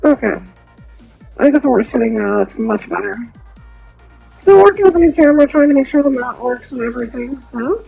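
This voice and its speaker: A streamer's voice run through a voice changer filter, set high and coming out gravelly. The filtered sound is husky and slightly unclear. The streamer chats loosely with viewers mid-game and often trails off mid-sentence. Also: animated, brisk, pauses often, dark tone, lo-fi sound, soft background music. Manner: chatty, talks to chat, trails off mid-sentence. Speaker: VTuber streamer. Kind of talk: casual live-stream chat while gaming.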